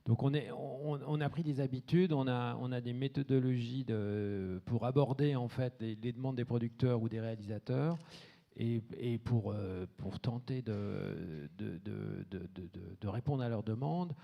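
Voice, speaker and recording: A man's voice: medium pitch, unhurried, vocal fry, muffled recording. A man talking informally on a panel, hesitant and often repeating his words. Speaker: post-production professional, panel speaker.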